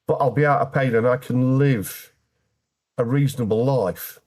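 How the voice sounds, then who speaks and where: A man's voice: mid-range voice, moderate pace, a little mellow. A British man speaking as an interview guest, telling his personal story candidly in a plain-spoken way with dry, wry humour.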